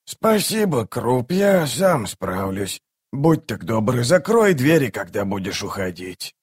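A man reading an audiobook, voicing a gruff, curt old male servant who grumbles his replies. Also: mid-range voice, very animated, slow, dry recording, studio quality, exaggerated voice. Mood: grumbling. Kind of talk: audiobook character voice.

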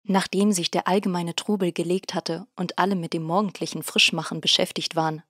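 A woman narrating an audiobook in a steady, measured storytelling manner. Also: fairly low pitch, no room sound, clean studio sound.

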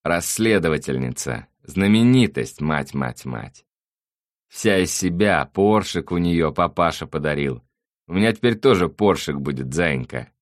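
A man's voice: a bass voice, expressive, unhurried, no room sound, studio quality. A man reading an audiobook, voicing a coarse, bossy male thug who swears and barks orders. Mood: gloating.

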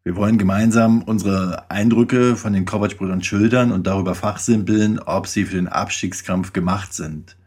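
A man's voice: fairly low pitch, fairly even intonation, normal speed, few pauses, darkish tone, slightly rough. A man in his forties hosting a podcast, reading a formal introduction with a wry touch, then interviewing a guest. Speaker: podcast host.

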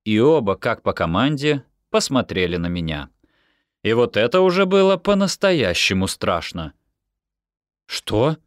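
Expressive male audiobook narrator. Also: medium pitch, moderate pace, no echo, clean studio sound. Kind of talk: first-person scripted narration.

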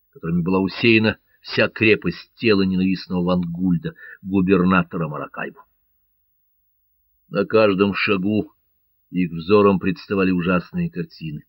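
A man reading an adventure audiobook in a measured, dramatic way. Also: low voice, no room sound, muffled recording. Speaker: narrator. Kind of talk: audiobook narration.

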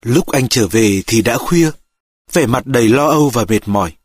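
A man reads a story aloud in slow, measured narration. His voice sits in a middle pitch. The sound is dry and close to the mic. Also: expressive, slightly rough, no room sound. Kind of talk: audiobook reading.

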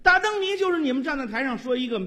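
A man's voice: extremely high pitch, lively intonation, very fast, pushed and bright. Bossy, teasing male crosstalk comedian. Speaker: crosstalk comedian, straight partner. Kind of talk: comic crosstalk dialogue on stage.

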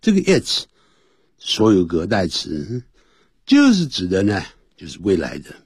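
A male English teacher on a radio lesson, his husky voice swooping high and low as he explains. He switches between Chinese explanation and slow, careful English readings, close to a dry studio mic. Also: huge pitch swings, a little mellow, no echo. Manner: explains Chinese and English in turn, reads phrases slowly.

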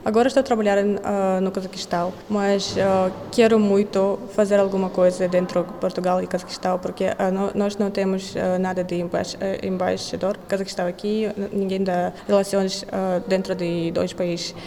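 A young Kazakh master's student answers interview questions hesitantly in a language she's still learning, full of fillers and restarts. Her mid-range voice is flat and dark, moving at normal speed with hardly any pauses. The recording comes from an echoey hall with faint background noise.

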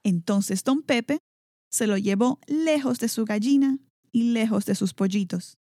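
A woman narrating a children's story aloud in an expressive, animated manner. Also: a little high, unhurried, no echo, studio quality.

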